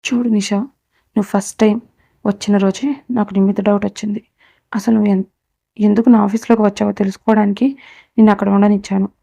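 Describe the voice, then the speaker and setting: A woman's voice: medium pitch, level tone, brisk, gravelly, long pauses, mellow, dry recording. A woman playing a cold, vengeful businessman. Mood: cold accusing. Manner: coolly menacing, lays out accusations. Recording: dull, dry recording.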